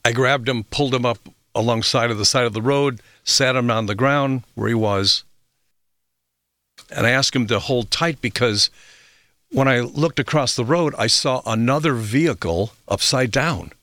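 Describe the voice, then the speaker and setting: A man's voice: medium pitch, normal speed, sharp tone, dry recording. Middle-aged guy on health radio, telling stories, dry close studio mic. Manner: reflective storytelling with frequent fillers and restarts. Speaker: health radio show host. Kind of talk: radio talk monologue.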